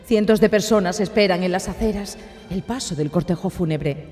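A woman's voice: lowish voice, moderate pace, dark tone. A woman narrating a comedic radio sketch. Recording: hall reverb, faint music.

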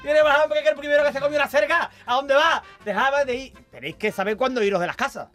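A man's voice: extremely high pitch, fast, pushed and bright, soft background music. A man, a joking radio regular who tells stories and breaks into flamenco singing. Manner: clowning storyteller, bursts into flamenco singing.

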